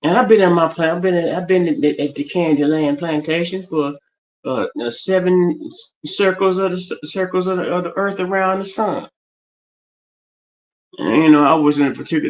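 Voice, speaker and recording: A man's voice: medium pitch, lo-fi sound. A man with a West Virginia Appalachian accent rambling through a casual livestream monologue, often repeating and restarting his phrases. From West Virginia, United States.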